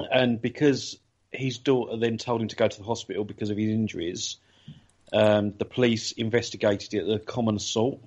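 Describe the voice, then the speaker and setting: A man with a lowish, somewhat dark voice hosts a casual radio chat show as a podcast host, filling his talk with ums and restarts. The audio is dull and lo-fi.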